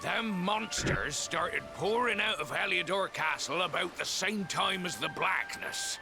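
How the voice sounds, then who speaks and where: An actor playing a gruff but kindly old sailor-like man in a video game, with folksy, weary speech and a gravelly voice. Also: high voice, a little slow. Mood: relieved, grumbling. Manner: folksy, old salt's dialect. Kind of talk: video game character acting. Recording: game music behind. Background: game music.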